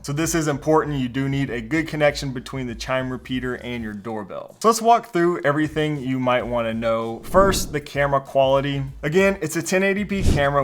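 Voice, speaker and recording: A man giving a casual walkthrough review of a video doorbell, explaining features with the odd filler word. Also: mid-range voice. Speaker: tech product reviewer.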